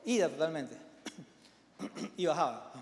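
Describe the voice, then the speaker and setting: A middle-aged man, a pastor, preaching a sermon to his congregation, with emphatic exhortation and softer spoken storytelling. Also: high-pitched, normal speed. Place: large church hall. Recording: live church hall with long reverb.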